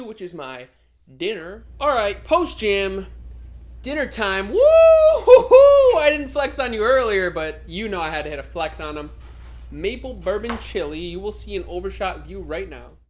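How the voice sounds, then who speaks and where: A man's voice: high voice, sing-song, moderate pace. A man in his thirties talking in a casual vlog, brash and motivational, swearing freely. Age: 30s. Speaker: vlogger.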